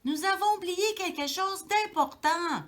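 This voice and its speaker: A woman with a Québécois accent voicing a small, eager boy mouse who calls loudly after his father. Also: animated, slow pace. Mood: pleading. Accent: Québécois French. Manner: high, loud, pleading calls.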